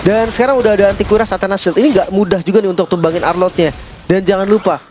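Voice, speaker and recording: An Indonesian man provides live game analysis in a high voice. He speaks emphatically as the analyst co-caster and repeats phrases to underline his points. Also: steady tone, rapid-fire, darkish tone, slight background noise.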